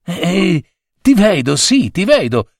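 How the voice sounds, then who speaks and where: A man voicing a lonely, kindly old pensioner who speaks softly with a chuckle. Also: high voice, very animated, takes it slowly, slightly rough, dry recording, clean studio sound, pitched above the performer's own voice, full character voice.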